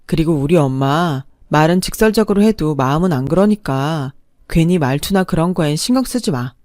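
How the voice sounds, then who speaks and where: A woman's voice: deep voice, expressive, moderate pace, no room sound, clean studio sound. A woman doing a soothing young boyfriend. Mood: reassuring. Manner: soothing, gentle. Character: reassuring young adult boyfriend.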